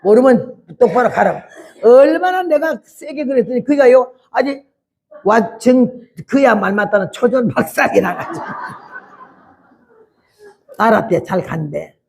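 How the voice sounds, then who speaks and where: Gravelly-voiced woman in her eighties preaching. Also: a little high, expressive, measured pace, pauses often. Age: 80s. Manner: blunt, rough-spoken storytelling; dramatic, acts out scenes loudly. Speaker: missionary preacher. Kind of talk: testimony sermon.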